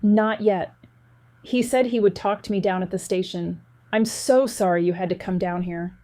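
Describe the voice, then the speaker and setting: A woman's voice: medium pitch, normal speed, dark tone, close to an everyday voice. A woman voicing a frightened young female employee who speaks in a shaky voice, close to tears, in an audiobook.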